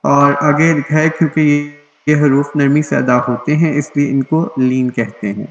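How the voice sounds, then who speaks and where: A man teaching Quran recitation in an online class, explaining rules patiently and pausing often to check that everyone follows. His voice sits a bit high for a man, and it comes through a dull, lo-fi video call line. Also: steady tone.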